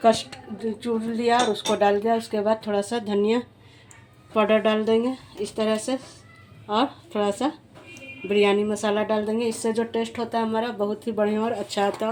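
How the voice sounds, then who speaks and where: A woman's voice: medium pitch, darkish tone, a little hiss or hum. A woman, hosting a home cooking demonstration in a homely, repetitive way, often restarting her words. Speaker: cooking channel host.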